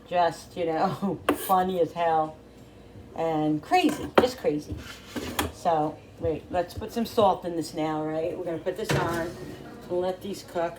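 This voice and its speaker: Middle-aged mom, cooking vlog host; chatty and rambling, slightly low voice, faint room hum behind. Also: female voice. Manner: rambling, chatty, with many restarts. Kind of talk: casual chat while cooking.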